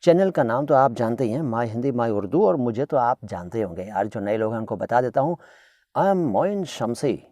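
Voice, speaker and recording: A man's voice: medium pitch, expressive, fast talker, hardly any pauses, warm tone, no room sound, clean studio sound. A man giving a casual, playful vocabulary lesson, repeating words to correct their pronunciation. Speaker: Hindi-Urdu language teacher.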